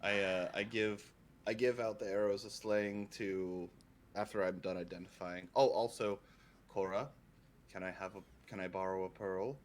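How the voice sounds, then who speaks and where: A man playing a tabletop game, chatting casually in halting, hesitant phrases. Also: on the low side, steady tone.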